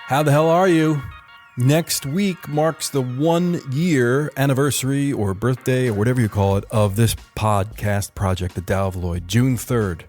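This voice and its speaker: A man in his fifties speaks alone into his podcast mic, talking at an ordinary, middling pitch. His delivery is sardonic and loaded with wry asides and the odd curse. It sounds like a personal commentary show. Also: a little slow, darkish tone, soft background music. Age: 50s. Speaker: podcast host. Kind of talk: solo commentary monologue.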